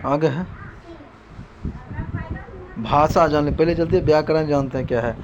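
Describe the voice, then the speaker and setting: Man teaching grammar over a dull, hissy recording. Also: a little high. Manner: recites letters slowly, repeats key points as questions. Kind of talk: Hindi grammar lesson. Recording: dull lo-fi recording with steady hiss.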